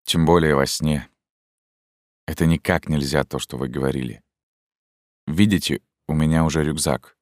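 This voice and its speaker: A man reading an audiobook voices a weary, secretive middle-aged male scientist, talking quietly, slowly and with resignation. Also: very deep voice, fairly even intonation, no echo. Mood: resigned. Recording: dry close studio sound.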